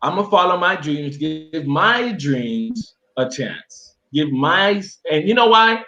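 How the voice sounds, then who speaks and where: A man's voice: fairly high pitch, animated, takes it slowly, sharp tone, muffled recording. A man from Miami, interviewed as a guest, telling his story in a loose, rambling way with many fillers and restarts. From Miami, USA. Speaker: interview guest, travel YouTuber. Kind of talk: casual conversational storytelling.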